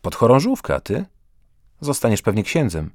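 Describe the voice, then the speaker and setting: A man voicing a blunt, teasing teenage schoolboy who talks loudly and mockingly. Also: medium pitch, huge pitch swings, normal speed, no room sound, studio quality. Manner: loud, exclaiming, mocking.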